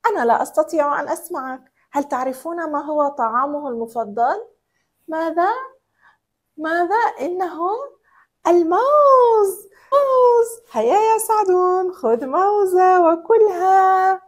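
A woman's voice: extremely high pitch, animated, moderate pace, reverberant. A woman presenting a children's lesson, playful and exaggerated, coaxing little ones to repeat words. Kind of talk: teaching toddlers.

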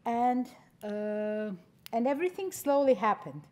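A woman's voice: on the high side, animated, measured pace, darkish tone. Woman in her 40s from lebanon speaking on stage, earnest, lots of uhs, podium mic. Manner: earnest, plain phrasing with frequent "uh"s. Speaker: managing director speaking at a conference. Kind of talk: conference presentation. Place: stage in a large hall.

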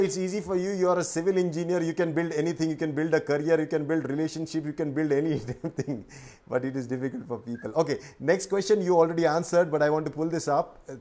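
A man's voice: a little high, fairly quick, warm tone. A man hosting a video-call interview, reading out viewer questions with joking asides. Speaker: host. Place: indoor room with bookshelves.

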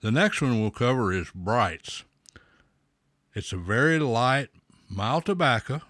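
A man talking slowly with a pipe in his mouth, a folksy host explaining at a measured pace with pauses. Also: mid-range voice, expressive, fairly bright tone, dry recording, studio quality. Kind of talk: slow, deliberate explainer talk.

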